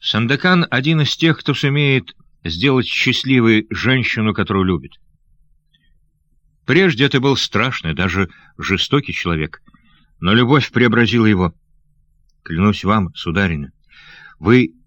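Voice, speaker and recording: A man voicing a brave, gallant male adventurer who speaks with courteous, steady reassurance. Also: on the low side, normal speed, pauses often, no room sound, studio quality.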